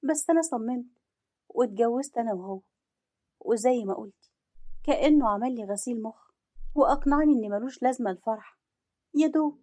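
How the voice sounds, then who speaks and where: Brief: a hurt young wife from an audio storybook, Egyptian accent, aggrieved and pleading, fairly high voice, read by a woman narrator. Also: a little mellow, lightly acted.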